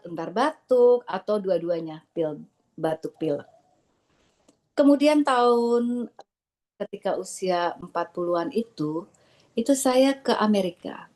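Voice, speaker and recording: A middle-aged woman hypnotherapist recounts a personal experience at a slow, measured pace. She acts out the dialogue as she goes. She drops English phrases into her talk. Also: a little high, darkish tone. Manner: deliberate, acts out quoted dialogue, mixes in English.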